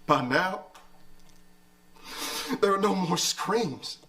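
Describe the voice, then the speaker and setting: A stammering survivor, mid-pitched, haunted and hesitant. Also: animated, extremely slow, pushed and bright, full character voice. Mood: shaken. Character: shaken survivor recounting driving through the dead.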